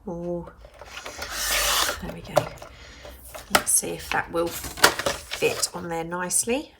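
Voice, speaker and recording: A woman's voice: lowish voice, steady tone, slow, gravelly, very noisy. A middle-aged woman with a Suffolk accent, giving a casual craft demonstration and half murmuring to herself as she works. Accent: Suffolk English. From Suffolk, England. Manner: informal, murmuring to self while working. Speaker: craft tutorial host. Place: indoor craft desk.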